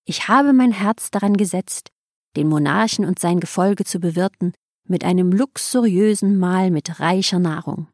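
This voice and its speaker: A woman's voice: lowish voice, a little mellow, dry recording, studio quality. A woman reading the lines of a reverent, hospitable male hermit in solemn, formal speech. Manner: reverent, pleading address. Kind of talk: audiobook reading.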